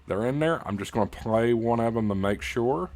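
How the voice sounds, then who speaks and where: A YouTube host who also anchors amateur radio news chats in a casual tutorial livestream, speaking with an Appalachian hillbilly accent. He's folksy and informal, talking straight to viewers as "y'all" and "guys," with a mid-range, slightly mellow voice that's animated and moderately paced.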